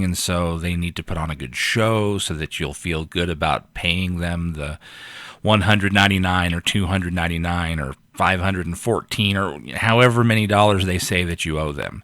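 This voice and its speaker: A man giving casual explanatory narration in a measured, wry way, as the host of his own recording. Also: sits low, a bit bright, no echo.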